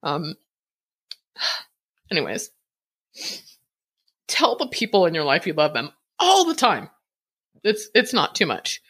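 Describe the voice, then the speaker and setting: A woman in her fifties hosting a podcast, talking through a personal reflection quickly and a bit mumbled, laughing often. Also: lowish voice, wildly swooping pitch, fairly bright tone, slightly rough. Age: 50s. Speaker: podcast host.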